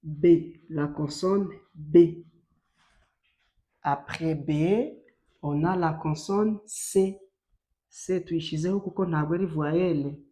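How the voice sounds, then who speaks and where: A woman from Rwanda teaching a bilingual French lesson, slow and emphatic, stressing each letter she spells out. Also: low voice, fairly even intonation, warm tone.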